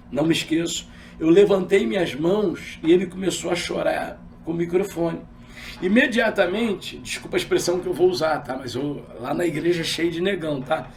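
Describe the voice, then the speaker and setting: Um pastor de meia-idade, homem com sotaque carioca, contando seu testemunho numa entrevista de forma animada e dramatizando os diálogos. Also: male voice, high voice, distant mic, slight background noise. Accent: carioca Brazilian Portuguese. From Rio de Janeiro. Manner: animated storyteller, acts out dialogue. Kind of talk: personal testimony in an interview.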